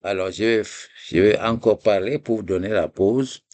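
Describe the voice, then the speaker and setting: A man teaching a recorded reading lesson, slowly repeating a memory phrase syllable by syllable for his students. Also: lowish voice, a little mellow. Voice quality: gravelly.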